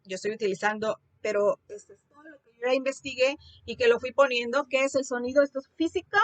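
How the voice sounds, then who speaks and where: High-voiced teacher explaining sound. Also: female voice, a bit bright, no echo. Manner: explanatory, many fillers and restarts. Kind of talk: online class lesson.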